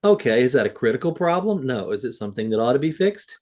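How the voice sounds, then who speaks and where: A man's voice: medium pitch, very animated, fast, darkish tone. A man in a casual panel discussion talks his way through his points. He rambles with plenty of fillers and drops in an occasional curse. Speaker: SEO panelist.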